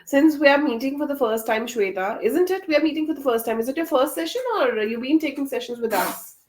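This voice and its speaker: This woman from Delhi, India, mentors an English conversation practice session over a video call, often repeating words as she prompts. Her voice is high, a little fast, and slightly dark in tone.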